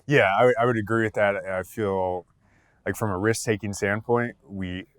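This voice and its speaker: A man with a very low voice hosts a podcast in a relaxed, conversational way, agreeing easily and building his sentences loosely. The recording is dry and close, with no room sound. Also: normal speed, smooth, dry recording. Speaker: podcast host.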